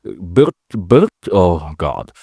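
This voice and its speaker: Rambling through a solo vlog podcast he hosts himself, an Indonesian man in his late twenties speaks accented English, chatty but halting and prone to correcting himself. He has a low, warm voice with a sing-song lilt. His camera mic captures clean, studio-quality sound without any room sound.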